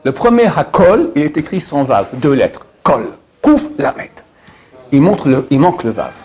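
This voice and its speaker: Animated man teaching a Torah lesson. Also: a little slow. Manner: animated, swinging from low murmurs to high exclamations, quizzes listeners. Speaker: rabbi.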